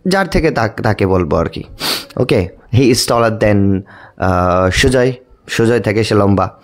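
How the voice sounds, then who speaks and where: A male English teacher talks through a grammar lesson in a lively, swinging voice that rises and falls a lot. He poses questions to the class and answers them himself, dragging out example words syllable by syllable and spelling them out letter by letter. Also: fairly low pitch. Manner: stretches out words, spelling and repeating them slowly; frequent fillers and restarts, asking and answering his own questions. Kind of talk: explanatory lesson.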